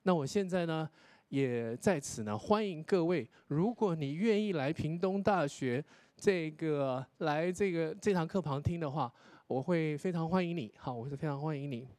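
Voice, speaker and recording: Male lecturer, contest judge; high, very expressive voice; patient, explanatory critique. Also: normal speed, no echo. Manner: explanatory, demonstrates English pronunciation, tags sentences with 哈.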